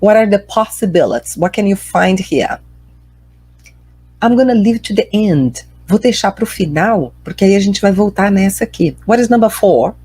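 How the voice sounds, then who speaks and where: A woman's voice: medium pitch, animated, a little slow, mellow, slightly rough. A woman with a Brazilian Portuguese accent teaching an online English lesson, carefully drilling pronunciation and switching between Portuguese and English.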